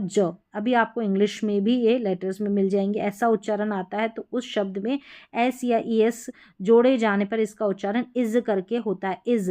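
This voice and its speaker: A woman with a Hindi accent teaching English pronunciation in a patient explanatory lesson, repeating each example word slowly. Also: mid-range voice, dark tone.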